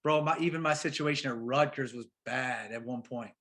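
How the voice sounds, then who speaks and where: A man, a professional soccer player, talking as a guest in a casual interview, animated and slangy, calling his host bro and man. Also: medium pitch, normal speed.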